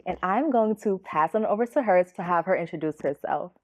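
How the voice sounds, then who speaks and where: A woman's voice: fairly low pitch, expressive, a little fast. A woman hosting a casual talk show, encouraging her guest with frequent affirming murmurs. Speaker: host. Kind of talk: casual interview chat.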